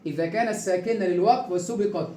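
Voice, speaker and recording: A man's voice: high voice, warm tone, a little hiss or hum. Egyptian man teaching recitation, echoey room. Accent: Egyptian Arabic. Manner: drawn-out slow repeating of example words, quizzing questions. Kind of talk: tajweed lesson.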